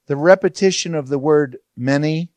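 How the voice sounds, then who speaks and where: A man's voice: a little high, moderate pace, a little mellow, no echo. A man teaching a Bible study verse by verse, explaining in a conversational way and asking rhetorical questions.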